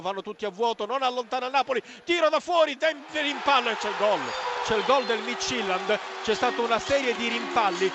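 Forceful, high-pitched male football commentator. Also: a little hiss or hum. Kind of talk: live football play-by-play commentary.

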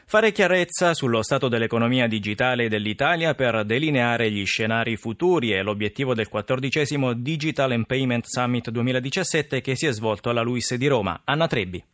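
News anchor, man, medium pitch, scripted bulletin read, very dry sound. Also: animated, a little fast, hardly any pauses, a bit bright, no room sound.

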